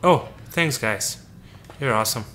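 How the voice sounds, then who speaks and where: A man's voice: mid-range voice, lively intonation, a little slow, bright, forceful tone, slight background noise. A man giving casual gameplay commentary, joking and talking to the game's characters as if they were his crew. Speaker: let's play gamer.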